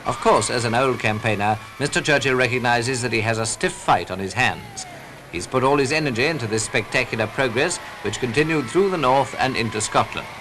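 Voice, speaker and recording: Here a British narrator reads scripted commentary for a vintage 1940s newsreel soundtrack, music running behind him. His mid-range voice is brisk, and there's background noise.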